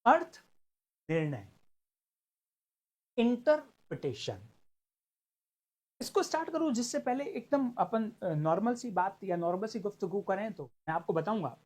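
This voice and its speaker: A man teaching an online law class, animated, acting out small dialogues and stretching key words for emphasis. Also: high voice, a little slow, long pauses. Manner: animated, acts out little dialogues. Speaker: law lecturer for exam prep.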